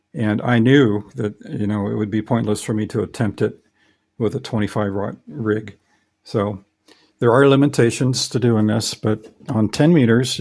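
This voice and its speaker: With a lowish, darkish voice, a middle-aged man runs a ham radio hobby vlog. As host and amateur radio enthusiast, he walks through explanations in a relaxed, matter-of-fact, conversational manner.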